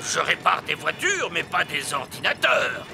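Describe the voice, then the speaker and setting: An actor playing a gruff but helpful old dog mechanic in a children's cartoon, with a gravelly, hearty, emphatic delivery. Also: male voice, on the high side, wildly swooping pitch, a little slow, heavily acted. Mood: matter-of-fact.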